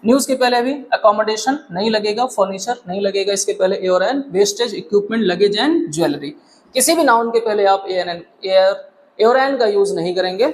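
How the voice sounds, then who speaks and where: A man's voice: high-pitched, normal speed, a little hiss or hum, poor audio. A male teacher with a Hindi accent explains grammar step by step. He often asks questions and then answers them himself. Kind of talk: classroom grammar lesson.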